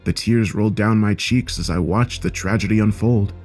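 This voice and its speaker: A man narrating a scripted horror story in a steady, grave manner. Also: lowish voice, moderate pace, faint music behind.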